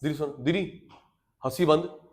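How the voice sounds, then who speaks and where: A man teaching a classroom lecture, his voice sitting fairly high for a man. He talks straight to his students in an animated way, drops low and quiet for stories, then rises loud for key points. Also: measured pace. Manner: animated, addresses students directly, swings from quiet storytelling to loud emphasis.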